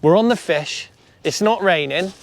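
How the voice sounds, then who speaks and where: A man's voice: high-pitched, moderate pace, gravelly. A man talking casually to camera while shore fishing, muttering to himself and swearing now and then. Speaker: shore angler vlogger. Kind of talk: casual outdoor fishing vlog. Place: shingle beach by the sea, outdoors. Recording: surf noise behind.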